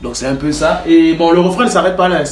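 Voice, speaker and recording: A man's voice: fairly high pitch, fast, a little hiss or hum. Chatty young man explaining his beat. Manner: loose and chatty, many fillers like "genre". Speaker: home music producer and rapper. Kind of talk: casual tutorial talk to camera. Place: his bedroom. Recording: roomy bedroom echo.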